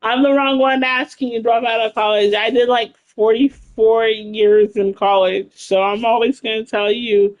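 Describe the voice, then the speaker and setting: A woman's voice: fairly high pitch, steady tone, moderate pace, hardly any pauses, dull audio. Laughing, swearing woman streamer in her thirties. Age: 30s. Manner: blunt, swears a lot, laughs often. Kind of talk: casual chat with live chat.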